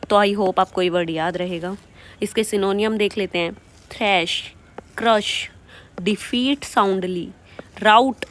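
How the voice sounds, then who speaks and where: A woman teaching English vocabulary in Hindi for exam preparation. She explains patiently, often checks in with "right?", and reads the example sentences in an Indian English accent, slowly and carefully. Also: mid-range voice, a bit bright, slight background noise. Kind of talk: online exam-prep lesson.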